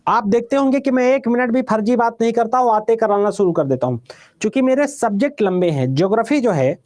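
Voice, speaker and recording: A man with a Bihari Hindi accent teaching a geography class, repeating each item slowly for students to write down and calling them "beta". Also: extremely high pitch, lively intonation, darkish tone, no room sound.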